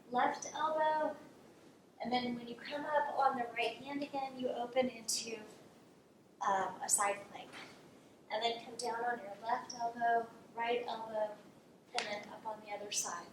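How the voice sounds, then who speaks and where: A woman's voice: a little high, measured pace. Soothing female yoga instructor, encouraging cues and counts, heavily echoing room, distant mic with faint noise. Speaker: yoga instructor leading a class. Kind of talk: guided exercise instruction with counting.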